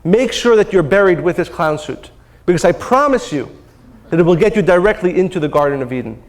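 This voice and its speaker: A man's voice: sits high, lively intonation, a little fast. A man voicing an old Kabbalist sage in a retold story, solemn and reassuring.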